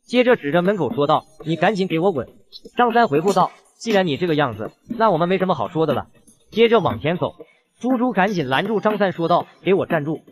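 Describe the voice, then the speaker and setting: Brief: male recap narrator, fast and lively, pitch bouncing, scripted telling of a skit. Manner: brisk storytelling, lively. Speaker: video narrator.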